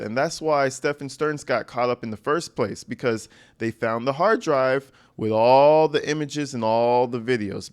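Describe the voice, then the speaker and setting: A man with a medium-pitched voice delivers informal true-crime commentary. He talks bluntly and with slang, addressing listeners directly and leaning hard on key words. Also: clear, resonant tone.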